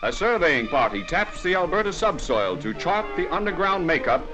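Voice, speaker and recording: A man reading scripted narration for an old newsreel in a brisk, formal announcing manner. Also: on the high side, very animated. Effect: old newsreel sound. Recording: dull lo-fi 1940s newsreel soundtrack with music.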